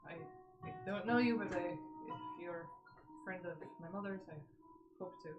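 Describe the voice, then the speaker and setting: A woman playing a tabletop game, speaking casually and a little haltingly in character. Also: on the low side, muffled recording. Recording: echoey room with music behind. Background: music.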